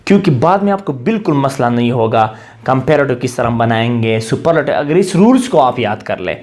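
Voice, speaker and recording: A man teaches a grammar lesson with a lively pitch that swings up and down. He keeps quizzing his listeners and answering himself. He switches between his own language and English phrases as he explains. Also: brisk. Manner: asks the class questions and answers them himself, slips into English phrases. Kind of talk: classroom-style grammar lecture.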